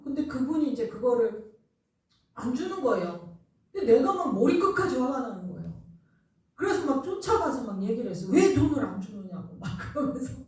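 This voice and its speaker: A woman's voice: sits high, darkish tone. A woman pastor preaching a sermon in a conversational way, telling personal stories with laughter, in a church sanctuary. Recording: very echoey hall, voice from a distance.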